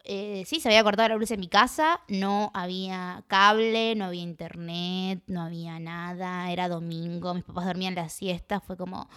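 A woman's voice: fairly low pitch, moderate pace, few pauses, clean tone. Chatty Argentine woman telling stories. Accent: Argentine Spanish. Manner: animated anecdotal storytelling, laughs often. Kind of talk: casual conversation.

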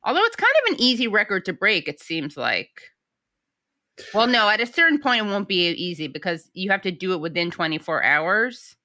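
A woman's voice: mid-range voice, very animated, moderate pace, sharp tone, no room sound. A woman co-hosting a podcast, chatting casually and reading news items aloud with wry, dry humor. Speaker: podcast co-host.

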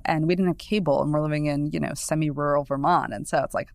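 Her voice is low, creaky and a little mellow, with a steady tone and quick pace: a thirtysomething New England newspaper columnist guesting on a casual podcast. She talks discursively, sprinkling in "you know" asides and easy laughs, with no room sound.

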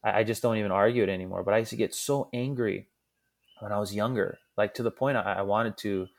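Low-voiced laid-back man from Hawaii. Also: steady tone, quick pace, gravelly. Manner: earnest and loose, acting out quoted voices. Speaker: podcast guest. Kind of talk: casual conversational storytelling.

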